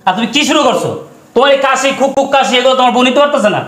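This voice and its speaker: A man's voice: extremely high pitch, very fast, fairly bright tone. An actor playing a brusque young husband who throws his father out to please his wife. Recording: echoey room.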